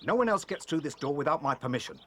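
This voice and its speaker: An actor playing a blustering, self-important police inspector in a period drama, pompous and barking. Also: male voice, a little high, animated, fast, pushed and bright, slight background noise. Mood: pompous, stern. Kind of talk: period detective drama acting.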